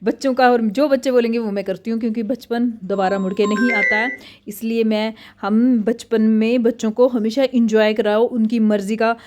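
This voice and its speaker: Chatty mellow-voiced mom vlogger. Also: female voice, a little high, normal speed, faint music behind. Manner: chatty, excitable storytelling. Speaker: family vlogger and mother. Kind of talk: casual chatty vlog narration.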